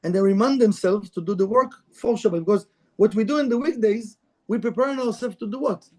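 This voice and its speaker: Guy with a pretty high voice giving a casual spiritual talk, broken english, keeps asking the room stuff. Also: fairly quick, a little mellow. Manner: conversational, broken English, asks the room questions. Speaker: Kabbalah teacher. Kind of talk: informal spiritual lecture to a live group.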